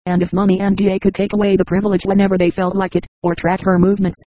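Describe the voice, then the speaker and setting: A narrator reading a science-fiction novel aloud in an even, unhurried way. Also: mid-range voice, dry recording, low-quality recording. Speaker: audiobook narrator. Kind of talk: scripted narration.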